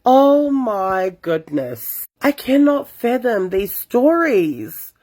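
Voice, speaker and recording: A woman's voice: on the high side, very slow. A young woman, reading listener confessions aloud as host and reacting with sassy asides. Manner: animated, sassy asides between read stories. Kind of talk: casual storytime reading with reactions.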